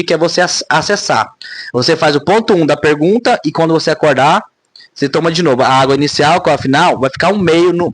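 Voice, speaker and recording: A man's voice: a little high, husky, no echo. A man, talking casually to camera in a rambling vlog monologue, often ending phrases with tag questions. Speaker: spiritual vlogger.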